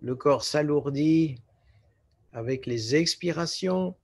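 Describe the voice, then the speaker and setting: This is a guided relaxation meditation led by a man with a slightly high, husky voice. Like a yoga nidra teacher, he keeps his delivery very slow and calm, offering short, measured phrases with pauses in between.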